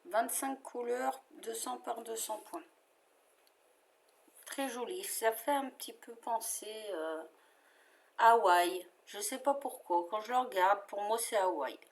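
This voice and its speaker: A woman's voice: a little high, takes it slowly, creaky. A woman with a French accent chatting casually as she shows her favorite cross-stitch patterns, with fillers and little asides.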